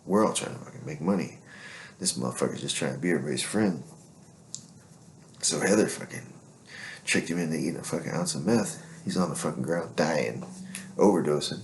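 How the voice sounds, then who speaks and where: A man's voice: extremely low pitch, fairly quick, creaky, pauses often, a little hiss or hum. A man telling stories in a casual monologue, swaggering and profane, rambling with constant fillers.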